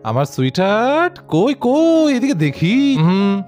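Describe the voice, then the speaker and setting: A woman's voice: mid-range voice, very animated, a little slow, a little mellow, faint music behind. A woman voicing a kind adult uncle in a doll cartoon, speaking affectionately. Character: adult man Vicky, kind uncle bringing gifts.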